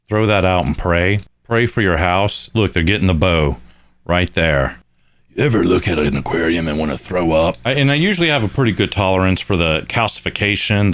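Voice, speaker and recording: A man with a very low voice hosts a casual reaction video, cracking wry jokes and thinking aloud. His voice is recorded close and dry, with no room sound around it. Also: no room sound. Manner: wry, joking, thinking aloud with quick asides. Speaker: fishkeeping channel host.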